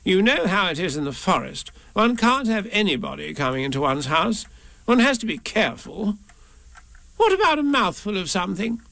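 Rabbit is a prim, cautious little storybook animal acted out by a man. The voice sits very high and bright, with a guarded, fussy delivery. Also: sing-song, normal speed, dry recording, full character voice. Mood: cautiously welcoming. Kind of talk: children's storybook reading.

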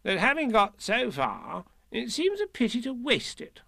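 Storybook rabbit, performed by a man: fussy, superior, politely prim, pitched high and bouncing in tone. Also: huge pitch swings, measured pace, gravelly, pushed and bright, no room sound, clean studio sound, exaggerated voice. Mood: matter-of-fact. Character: brisk, polite, fussy, know-it-all male rabbit.

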